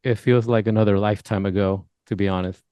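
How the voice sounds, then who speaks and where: Smooth-voiced male podcast host. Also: on the low side, fairly even intonation, quick pace, warm tone, no echo, clean studio sound. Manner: rambling, restarting, friendly questions. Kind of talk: casual interview hosting.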